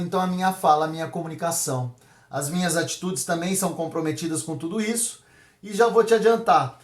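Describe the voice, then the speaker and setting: A man preaching as a pastor in a casual, conversational sermon, with lively asides. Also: high voice, reverberant. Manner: animated, acts out dialogue, casual asides.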